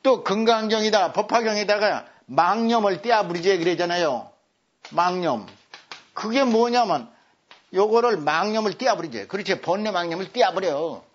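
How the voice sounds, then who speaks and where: A man's voice: high-pitched, animated, normal speed. An older man giving a lecture, repeating words for emphasis. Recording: dull lo-fi recording.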